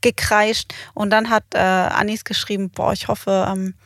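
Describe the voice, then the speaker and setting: A woman's voice: medium pitch, little pitch movement, unhurried, no echo, studio quality. Woman chatting, searching for words. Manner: warm storytelling, searches for words. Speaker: podcast co-host. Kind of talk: casual chat.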